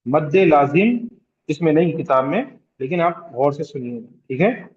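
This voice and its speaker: A man teaching Quranic recitation rules in a slow classroom lecture with a Hyderabadi Urdu accent, repeating terms, asking the class questions and drawing out vowels to show their length. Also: fairly high pitch, expressive, darkish tone, lo-fi sound. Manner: draws out vowels to demonstrate elongation. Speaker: tajweed teacher.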